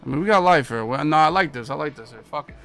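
Bright-voiced American man griping while gaming. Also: a little high, animated, fast talker, gravelly, clean tone, faint music behind. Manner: frustrated, profane griping. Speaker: video game streamer. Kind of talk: live gameplay commentary. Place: small indoor streaming room with monitors.

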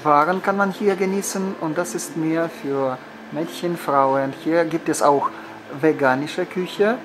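A man's voice: a little high, unhurried, background noise. Hesitant Ukrainian-accented man guiding a tour. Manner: hesitant, many fillers and self-corrections. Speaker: tour guide host. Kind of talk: guided restaurant tour. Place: indoor restaurant rooms. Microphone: camera mic from a few steps away. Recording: roomy restaurant with music behind.

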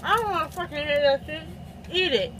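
A woman's voice: sits high, lively intonation, a little fast, fairly bright tone. A woman in casual chat, bossy and teasing with blunt, profane talk, her voice muffled behind her hand. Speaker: co-host of a taste test. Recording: noisy, with car and traffic sounds.

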